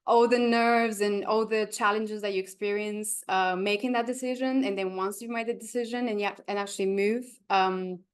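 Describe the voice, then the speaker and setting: A woman's voice: medium pitch, clean tone. A woman from Bulgaria hosting a podcast interview, often hesitant, with many fillers and restarts. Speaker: podcast host.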